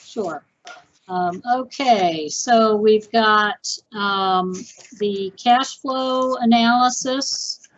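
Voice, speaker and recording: A woman presenting the director's report in a video-conference meeting, hesitant and unhurried, with frequent ums. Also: mid-range voice. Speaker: library director. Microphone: video call. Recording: dull video-call audio.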